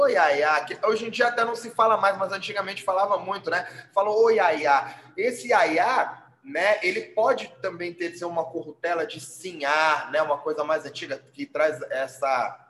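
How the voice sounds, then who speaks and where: A man's voice: sits high, fairly bright tone. A man explaining things in casual talk, with frequent tag questions and repeated words, and acting out quoted calls in a raised voice. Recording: roomy echo.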